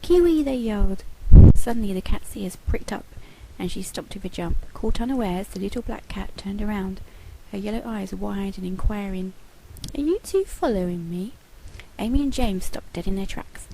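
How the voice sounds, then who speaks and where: A woman reads a children's story aloud, calm and measured. Her voice is mellow and low in brightness, with a noticeable gravelly fry. The delivery is gentle, paced for young listeners. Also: a little hiss or hum, rough recording. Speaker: author reading her own book. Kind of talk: storybook narration.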